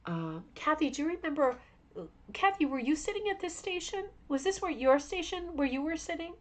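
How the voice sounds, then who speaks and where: A woman with a high-pitched, very animated voice hosts a rug hooking club live stream at normal speed. It's a show-and-tell chat: tired and losing her voice, she rambles enthusiastically and talks to viewers by name.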